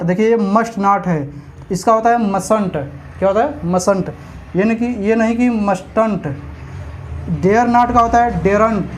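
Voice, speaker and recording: A teacher gives a spoken grammar lesson. They read forms slowly one by one, then explain more quickly and keep quizzing the listener with repeated questions. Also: medium pitch, a little mellow. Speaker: English teacher.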